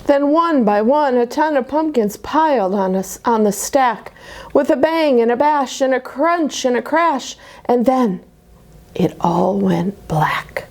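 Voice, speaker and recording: Taking it slowly in a high voice, a woman reads a rhyming children's picture book aloud at a church story time. Her reading is expressive, with drops into dramatic whispers.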